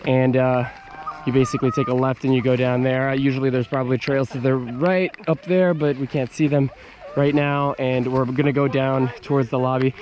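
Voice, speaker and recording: A man's voice: medium pitch, flat delivery, brisk, lo-fi sound, a little hiss or hum. An American man chatting casually to camera as a snowboarding vlogger, with slangy frat-bro talk that hypes up his buddy. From United States, Northern Virginia. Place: mostly outdoors on a rainy ski slope.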